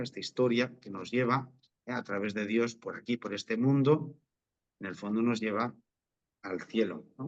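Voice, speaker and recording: A man's voice: medium pitch, muffled recording. A priest, a man with an accent from Spain, giving an informal, explanatory religious talk and often checking in with short question tags.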